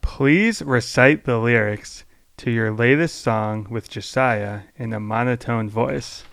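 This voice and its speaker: Podcast host dude, gravelly mid voice, teasing and joking, dry close mic. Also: male voice, medium pitch, takes it slowly, a bit bright, dry recording. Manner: joking, teasing, swears casually. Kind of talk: casual interview chat.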